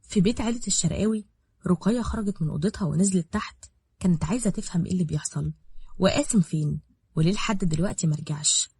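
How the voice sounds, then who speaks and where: A woman's voice: fairly low pitch, quick pace, warm tone, breathy edge. A woman with an Egyptian Arabic accent narrating a dramatic village story and voicing its characters. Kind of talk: scripted narration with acted dialogue.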